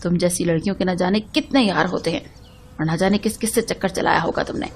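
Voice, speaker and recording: A woman's voice: lowish voice, slightly rough. A woman voicing an angry, jealous young husband in a spoken story, reading his lines in a harsh, accusing way.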